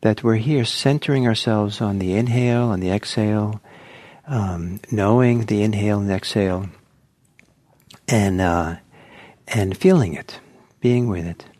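A man leading a guided meditation talk at a meditation center, speaking slowly and gently with frequent pauses. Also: fairly low pitch. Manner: slow, gentle, pausing often. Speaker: meditation teacher.

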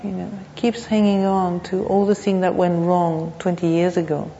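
In a reverberant hall, slightly dulled on the recording, a woman gives a meditation talk. Her voice is mellow and gravelly. She speaks reflectively, pausing and circling back over phrases. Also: on the low side, level tone, lo-fi sound, a little hiss or hum. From Thailand. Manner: reflective, halting, with pauses and repeated phrases. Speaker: meditation teacher. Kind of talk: unscripted dharma talk.

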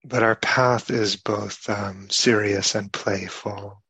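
A man giving a reflective Dharma talk as a meditation teacher, speaking haltingly with many pauses and fillers. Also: lowish voice, steady tone, pushed and bright, husky, dry recording, rough recording.

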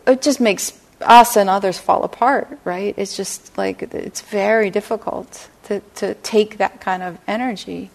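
A middle-aged woman teaching a meditation class, speaking gently and unhurriedly and often checking in with her listeners. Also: medium pitch, vocal fry. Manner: gentle, unhurried, lots of "right?" and "you know". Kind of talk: dharma talk to a class. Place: meditation hall.

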